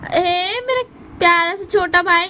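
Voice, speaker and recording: A woman's voice: extremely high pitch, unhurried, bright, forceful tone, a little hiss or hum, voice pushed up, exaggerated voice. A woman voicing a sarcastic grown man who mocks his brother. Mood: mocking.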